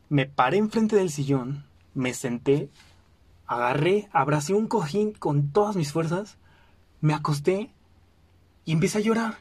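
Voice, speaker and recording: A young man with a Mexican Spanish accent, telling a funny personal story in a casual, animated way. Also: a little high, no echo. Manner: animated, acts out quoted voices, frequent fillers. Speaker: podcast host.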